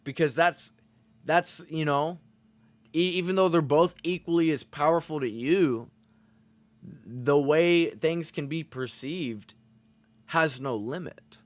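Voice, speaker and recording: A man's voice: fairly high pitch, slow pace, no room sound. A man streaming to his chat, rambling and self-reflective in casual motivational talk, full of fillers and frequent swearing.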